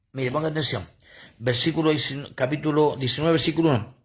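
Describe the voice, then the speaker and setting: A man preaching a livestreamed sermon on his phone, animated and full of asides to the viewers. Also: a little high, moderate pace, husky.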